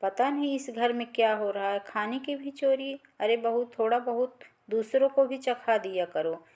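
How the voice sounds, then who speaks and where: A woman's voice: fairly high pitch, normal speed, a little mellow, natural voice. A woman storyteller voicing a suspicious, scolding mother-in-law in a family tale.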